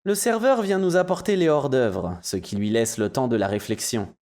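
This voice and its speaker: A man narrating an audiobook in a measured storytelling manner. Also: medium pitch, a little mellow.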